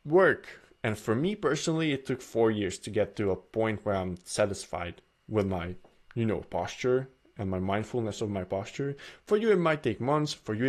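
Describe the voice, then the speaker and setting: A man giving an earnest self-help presentation, often repeating and restarting his phrases. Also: mid-range voice.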